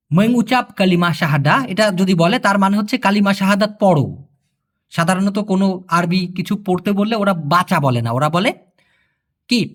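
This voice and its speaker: Lively high-voiced man explaining phrases. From Bangladesh. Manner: explains patiently, repeats phrases slowly, asks the viewer questions. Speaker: language tutor. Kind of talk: casual spoken language lesson.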